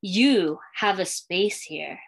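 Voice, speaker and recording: With a touch of vocal fry, this school librarian in her thirties reads slowly to young children, her mid-range voice full of lively intonation. She tells the picture book story in a sing-song way in a small room with bookshelves and a curtain.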